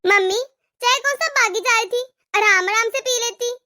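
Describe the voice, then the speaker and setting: A woman's voice: very high-pitched, normal speed, pushed and bright. A woman voicing a patient elder daughter-in-law in a cartoon who reasons with her mother-in-law. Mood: placating.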